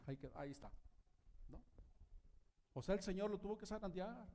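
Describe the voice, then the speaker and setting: Pastor, male, slightly high voice, animated sermon full of questions to the congregation. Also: brisk. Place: church.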